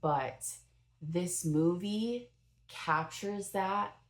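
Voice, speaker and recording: A young adult woman reviews a movie, sharing casual first impressions in a chatty, rambling way full of fillers and self-corrections. Her voice sits on the low side, and she speaks extremely slowly.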